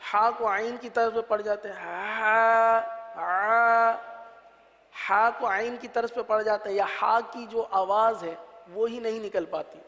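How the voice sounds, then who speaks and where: A man's voice: high-pitched, fairly bright tone. A man, teaching Quran pronunciation and leading call-and-repeat drills in a patient, step-by-step way. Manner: patient, explains step by step and drills letter sounds. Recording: long hall reverb.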